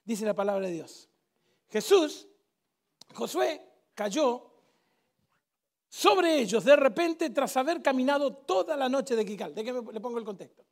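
A man preaching a sermon in a church with a Rioplatense accent, emphatic, swinging between shouts and hushed intensity. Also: very high-pitched, lively intonation, unhurried, gravelly, pauses often. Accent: Rioplatense Spanish.

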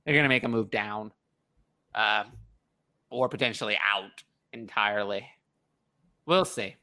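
A man co-hosting a casual sports talk show, chatting in an animated way. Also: fairly low pitch, a little slow. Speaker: podcast co-host.

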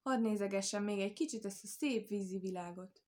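A woman's voice: mid-range voice, darkish tone, lightly acted. A woman voicing a crafty toad who plays innocent and coaxes a wolf in a storybook tale. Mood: sly. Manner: innocent, coaxing, lightly mocking. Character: sly calm old toad, quick-witted.

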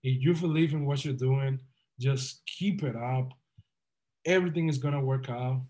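This young Dominican entrepreneur has a medium-pitched, dark voice and talks at a normal speed. He's a guest on a laid-back podcast interview, relating his story in an upbeat, earnest, motivating manner.

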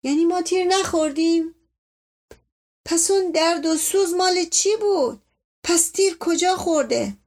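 A woman's voice: extremely high pitch, few pauses, a bit bright, voice pushed up. A woman voicing a groaning old servant man. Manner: moaning, self-pitying, rustic speech.

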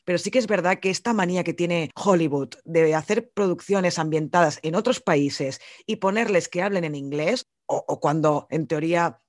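Animated Spanish man ranting about films. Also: dry recording, studio quality. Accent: Spanish from Spain. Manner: animated, swears casually, rants with rising pitch. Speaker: podcast co-host. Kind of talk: casual film review chat.

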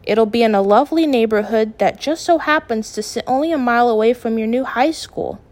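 A woman reading as a steady, calm father. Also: on the high side, voice pushed up, natural voice. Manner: calm, measured, gently firm. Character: steady middle-aged father, practical and kind.

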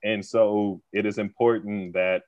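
A man speaking as a podcast guest, an animated storyteller who laughs often and talks in quick bursts. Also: fairly low pitch, no room sound. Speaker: guest, theater organization leader. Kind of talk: conversational podcast interview. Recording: dull lo-fi sound, dry.

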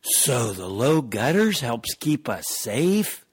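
In a comedy radio sketch, a man does a full character voice as an inquisitive, doubtful young son. His mid-range voice is very animated and breathy-edged, and he takes his time, sounding puzzled and protesting as he questions and whines.

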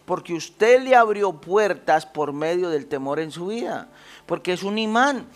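A pastor preaching a sermon, often asking the congregation rhetorical questions. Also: male voice, high-pitched, animated, measured pace.

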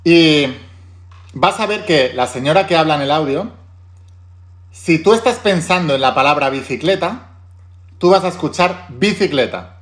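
A man's voice: a little high, animated, normal speed, pauses often. A man with a Spain Spanish accent, a self-help teacher speaking directly to viewers in an emphatic way and repeating key phrases.

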